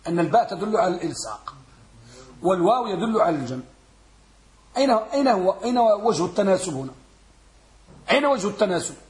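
A man teaching Arabic grammar in a classroom, quizzing his students and repeating words slowly to drill them. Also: sits high, reverberant. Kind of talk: classroom lesson with questions to students.

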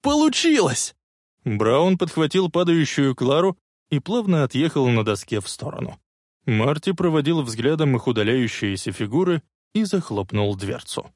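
Male audiobook narrator, expressive and lively, dry close sound. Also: mid-range voice, moderate pace, dry recording. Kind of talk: dramatic audiobook reading.

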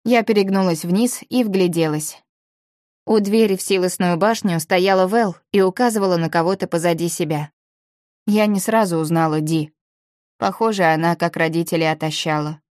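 A woman with a low voice reads a first-person novel aloud in measured, even storytelling. The sound is close and dry, with no room around it. She keeps a steady audiobook pace through the narration. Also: dry recording.

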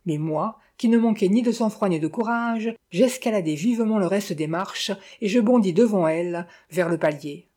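A woman narrating a detective novel aloud. Her reading is measured and steady, in a plain storytelling voice. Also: medium pitch. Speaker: audiobook reader.

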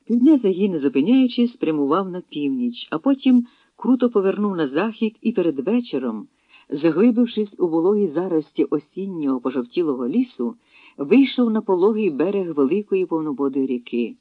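A man's voice: high-pitched, very animated, a little fast, no echo. Man narrating on a tinny line. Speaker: audiobook reader. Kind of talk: scripted narration. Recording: tinny phone-like dry sound.

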